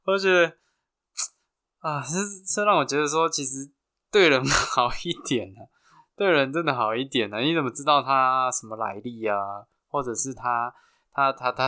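A man with a Taiwanese Mandarin accent hosting a podcast, telling stories in a chatty, halting way full of restarts. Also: medium pitch, sharp tone, clear, resonant tone. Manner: chatty, halting with frequent restarts and fillers, laughs at his own stories. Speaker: podcast host. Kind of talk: casual storytelling.

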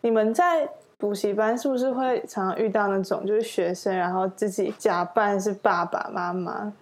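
Easygoing young female co-host with a Taiwanese Mandarin accent, teasing and relaxed. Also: mid-range voice, normal speed. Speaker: podcast co-host. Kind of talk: casual chat.

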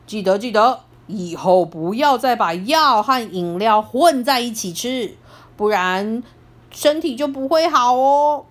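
A woman's voice: animated, takes it slowly. A woman voicing a kind old grandfather who soothes a child in a storybook. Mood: soothing. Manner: low, soothing and coaxing.

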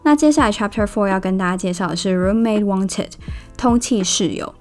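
Woman, Taiwanese Mandarin accent, podcast host, casual storytelling, chatty, animated, faint background music. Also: medium pitch, normal speed. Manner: chatty and animated, laughing at her own stories.

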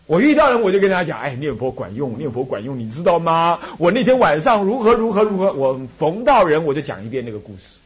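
A man's voice: high voice, sing-song, quick pace, few pauses, slightly rough. A Buddhist monk and temple abbot with a Taiwanese Mandarin accent, giving a dharma talk full of personal stories, repeating phrases and chuckling as he tells them.

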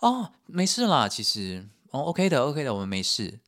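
A man's voice: medium pitch, huge pitch swings, moderate pace, fairly bright tone, dry recording, studio quality, voice pushed up. A man voicing a polite young woman hostel clerk who is sweetly apologetic and sing-song. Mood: flustered.

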